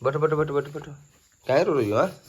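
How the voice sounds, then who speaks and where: Guy vlogging at home, keeps asking whats wrong, lively up and down voice. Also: on the high side, fast talker, breathy edge. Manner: coaxing, repeatedly questioning, calling out loudly. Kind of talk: casual vlog narration. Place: home, indoors.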